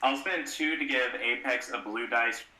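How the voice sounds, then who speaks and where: Male tabletop player, strikingly sharp bright tone, casual, roomy echo. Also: mid-range voice, moderate pace. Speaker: tabletop role-playing game player. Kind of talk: casual game chat. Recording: roomy, echoing sound.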